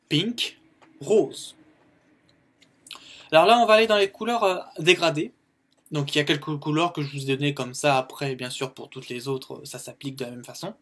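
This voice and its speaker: A man's voice: fairly high pitch, a bit bright. A French-speaking man teaching colour words in a casual video lesson, repeating each word and using plenty of fillers. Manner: explains slowly, repeats words, many fillers. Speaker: YouTube English teacher.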